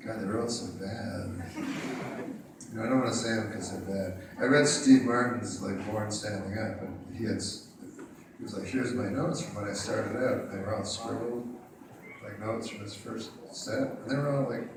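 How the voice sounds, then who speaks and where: A man's voice: on the low side, fairly even intonation, normal speed, noisy background. Dry, rambling man in an echoey room. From Canada. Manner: dry, rambling anecdotes with crude asides. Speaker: author at a book talk. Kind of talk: casual storytelling Q&A. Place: bookstore event in front of an audience. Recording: echoey room, distant mic.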